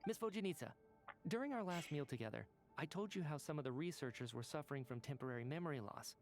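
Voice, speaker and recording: A man voicing an earnest male scientist in a video game, measured and thoughtful, with faint music behind. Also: on the high side, lively intonation. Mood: calm reasoning.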